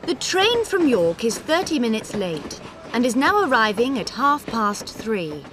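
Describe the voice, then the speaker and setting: A woman making a train station loudspeaker announcement in a sing-song manner, with music behind her. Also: a little high, very animated, a little slow, background noise. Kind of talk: scripted public announcement for a listening exercise.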